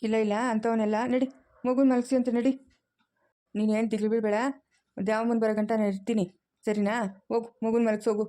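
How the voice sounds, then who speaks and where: A woman's voice: fairly high pitch, flat delivery, a little fast, long pauses, mellow, natural voice. A woman from the Chikkaballapur region playing a kindly old village grandfather in a family drama, speaking patiently and soothingly with a rural Kannada accent. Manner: patient, soothing, explains at length. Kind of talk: amateur family drama acting.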